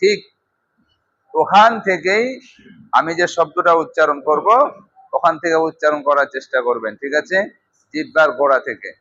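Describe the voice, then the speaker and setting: Male quran teacher drilling pronunciation, slow and clear, bit high voice, muffled class recording. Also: bright, forceful tone. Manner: slow, drilling pronunciation with call-and-response questions. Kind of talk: classroom recitation lesson. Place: classroom with students. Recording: dull lo-fi class recording with crowd noise.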